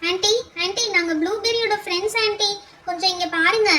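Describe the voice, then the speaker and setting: A woman's voice: extremely high pitch, fast talker, bright, forceful tone. A woman voicing a kind little girl who earnestly coaxes and pleads with a friend's mother in a doll show. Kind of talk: doll pretend-play voice acting.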